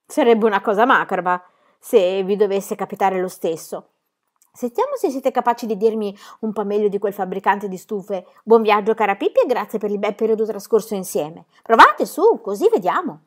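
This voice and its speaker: A woman's voice: mid-range voice, lively intonation, moderate pace, natural voice. A woman reading a storybook aloud and voicing a bold, cheeky little girl who tells exuberant tall tales. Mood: boastful. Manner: exuberant, theatrical, tall-tale telling.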